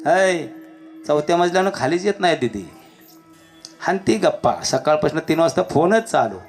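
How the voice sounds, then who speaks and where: A man with a fairly high voice preaching a Marathi devotional kirtan, telling a story with lively, theatrical delivery. He jumps from loud cries to quiet, hushed lines. Faint instrument music plays behind him. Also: moderate pace. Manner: animated, shifts between shouting and hushed lines, acts out characters.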